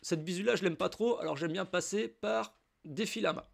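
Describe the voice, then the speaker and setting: High-pitched and gravelly at a moderate pace, a French man with a slight cold explains a crypto wallet for his YouTube audience. The screen-share tutorial is casual and conversational, with "tu" used for the viewer and frequent side remarks.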